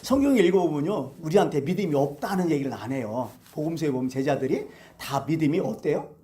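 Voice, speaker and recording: A man's voice: on the high side, fairly quick. A male pastor preaching a Sunday sermon, telling stories and asking the congregation rhetorical questions. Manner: animated storytelling with rhetorical questions.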